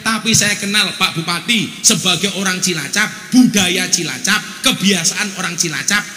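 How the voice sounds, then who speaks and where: A man with a Javanese accent giving a lively, joking sermon to a big gathering, dropping into local dialect for punchlines. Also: high voice, moderate pace, soft background music. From Java, Indonesia. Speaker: preacher. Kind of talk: lively humorous sermon to a crowd. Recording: echoey large hall.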